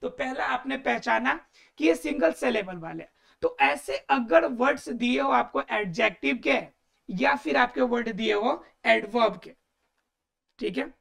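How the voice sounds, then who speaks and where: High, gravelly-voiced woman teaching. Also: animated, a little slow, fairly bright tone. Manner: asks and answers her own questions, repeats key words. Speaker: English grammar teacher. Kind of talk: explanatory lesson.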